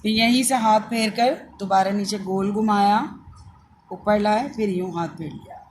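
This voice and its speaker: A woman from Pakistan with a Pakistani Urdu accent, teaching young children to write and sound out letters in slow, repeated steps. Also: medium pitch, steady tone, slight background noise. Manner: slow, repetitive step-by-step instruction. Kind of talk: handwriting and phonics lesson for young children.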